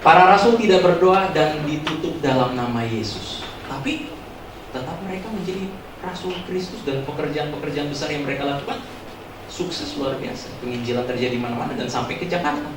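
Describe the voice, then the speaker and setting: A man preaching a joking, animated youth sermon as pastor, acting out loud prayers, in a church hall recording heard from far off. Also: fairly high pitch, fairly quick, noisy background.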